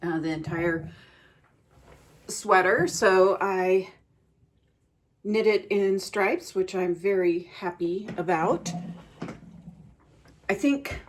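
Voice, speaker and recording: A woman hosting her own podcast, chatting in an unhurried way with frequent ums and pauses, recorded on a phone. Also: medium pitch, no room sound. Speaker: podcast host. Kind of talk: casual chat.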